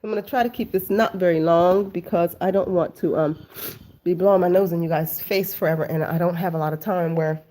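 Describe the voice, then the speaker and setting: Sniffly and congested from a cold, a thirtysomething woman hosts a laid-back talk, addressing her viewers as family and peppering her chatty speech with "like" and "um." She speaks briskly in a low, warm voice with fairly even intonation.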